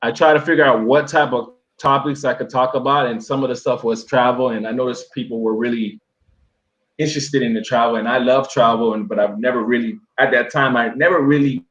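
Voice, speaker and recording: A man's voice: medium pitch, fairly even intonation, a little fast, fairly bright tone, muffled recording. A man from Miami, interviewed as a guest, telling his story in a loose, rambling way with many fillers and restarts. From Miami, USA. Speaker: interview guest, travel YouTuber. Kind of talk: casual conversational storytelling.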